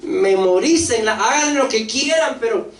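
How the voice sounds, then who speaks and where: A pastor with a Costa Rican accent preaching a lively sermon, asking the congregation questions and acting out voices. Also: mid-range voice, a little slow. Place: church hall. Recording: echoey church hall, distant mic, faint noise.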